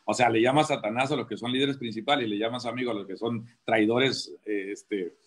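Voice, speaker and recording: In a radio studio, a prison preacher talks through his faith at a fairly quick clip. His voice is medium-pitched with fairly even intonation, and he poses many rhetorical questions and frequently restarts his sentences.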